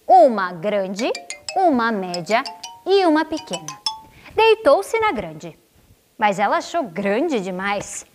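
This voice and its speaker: A woman with a high, bouncy voice tells a children's tale slowly and expressively, stretching her words and leaning into playful asides to the listeners. Faint music plays softly underneath. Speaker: children's storyteller. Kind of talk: storytelling for children.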